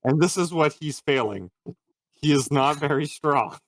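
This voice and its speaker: A man's voice: a little high, expressive, unhurried, no echo, clean studio sound. A man narrating a tabletop game as game master, laughing often while describing scenes.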